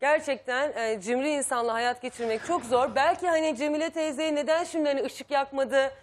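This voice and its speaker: A woman's voice: high-pitched, steady tone, brisk. A woman hosting a talk show, chatting casually on air and speaking to guests directly with folksy asides.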